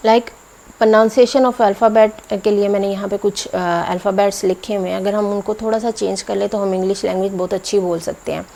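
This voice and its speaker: A woman whose first language is Urdu teaches a video lesson, her voice carrying a gravelly fry. She explains points in a steady, mid-pitched voice and slows down to say each example word on its own. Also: poor audio. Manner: slows down to spell out example words one by one. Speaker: spoken English teacher.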